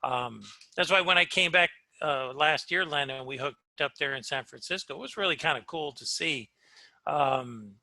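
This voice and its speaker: A middle-aged man with a slightly raised pitch and a very bright, sharp tone chats as a podcast guest. He rambles warmly, leaning on fillers and quick agreements. The sound is close and dry. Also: creaky, dry recording. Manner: warm, rambling, with frequent fillers and affirmations. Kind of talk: casual reminiscing chat.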